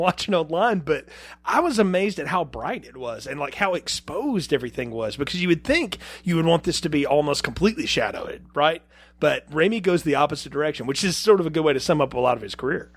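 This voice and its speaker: A man's voice: on the high side, no room sound. A man co-hosting a podcast, casually discussing a film and acting out little quotes as he talks. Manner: animated, acts out quotes, frequent restarts. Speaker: podcast co-host. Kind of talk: casual film review chat.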